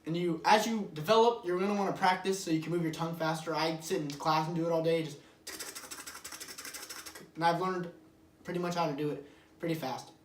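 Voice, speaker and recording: A man talks through a casual how-to lesson in a loose, chatty way, with a fairly high voice. He sits some distance from the mic, so the room rings around him and a faint hiss of background noise stays underneath. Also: fairly even intonation, brisk, long pauses, echoey room. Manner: loose and chatty, leans on "like" and "literally". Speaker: host of a duck hunting channel.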